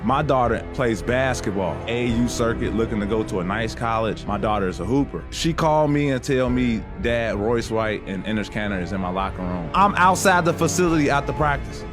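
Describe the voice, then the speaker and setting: A man's voice: medium pitch, lively intonation, fairly quick, few pauses. A male host firmly lecturing with emphatic opinion commentary. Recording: music playing under voice.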